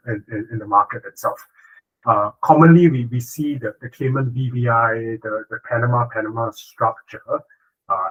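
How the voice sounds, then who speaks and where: Husky man presenting online. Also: medium pitch, a bit bright, low-quality recording. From Singapore. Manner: fluent, frequent "uh" and "right?" tags. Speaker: corporate lawyer presenting. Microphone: video call.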